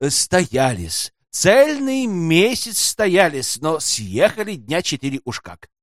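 Man playing a sly greedy hotel porter, folksy and servile, lively voice, dry close audio. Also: mid-range voice, unhurried, no echo. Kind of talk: audiobook character voice.

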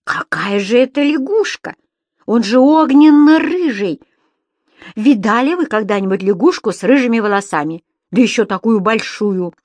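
A woman's voice: a little high, expressive, normal speed, darkish tone, dry recording. Woman doing an arguing man in a crowd. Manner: exclaiming, arguing.

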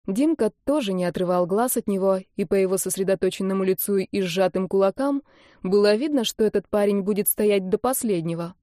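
A woman narrating a dramatic novel in steady storytelling style. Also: mid-range voice, brisk, dry recording, clean studio sound. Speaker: audiobook narrator. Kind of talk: scripted narration.

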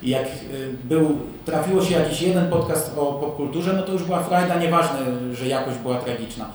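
An easygoing man podcaster rambles through a relaxed panel chat. His voice carries across a very echoey room to a distant recorder, with faint hiss behind it. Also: on the high side, fairly quick.

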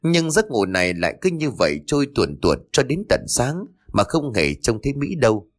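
A man's voice: medium pitch, very animated, moderate pace. A man narrating a scripted horror story in a dramatic, suspenseful way.

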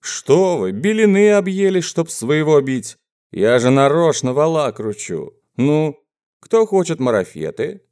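A guy playing a reckless young thief yelling, voice pushed up higher, kinda slow. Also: very animated. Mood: mocking. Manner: shouting, agitated outbursts. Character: defiant young male thief, wild and reckless.

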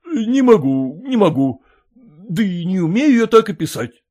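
A man voicing an educated gentleman who firmly and wearily refuses a request. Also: sits high, very animated, measured pace, voice pushed up, exaggerated voice. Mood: refusing. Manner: refusing, exasperated. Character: educated gentleman, reluctant and firm.

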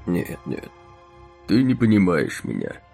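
An actor playing a smug, scheming male railroad executive who speaks in a crisp, monotone, self-assured way. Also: sits low, a little slow, soft background music, heavily acted.

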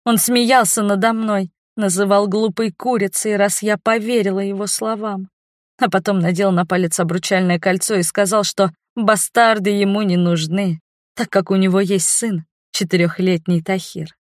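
A woman's voice: mid-range voice, steady tone, normal speed, dry recording, studio quality, natural voice. A woman reading an audiobook, voicing a loving middle-aged mother who is emotional and guilt-ridden. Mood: tearful, confessing.

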